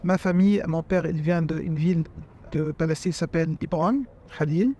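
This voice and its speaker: Sincere man with a slightly high voice. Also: warm tone, muffled recording. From Jordan. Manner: halting, restarts often, sincere. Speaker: interview guest. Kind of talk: conversational interview.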